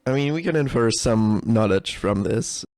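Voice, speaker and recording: A game developer filming a reaction video talks at a moderate pace in an expressive, medium-pitched voice with a darkish tone. The studio-quality recording has no echo. His off-the-cuff commentary rambles, swears and runs himself down, punctuated by frequent giggles and laughter.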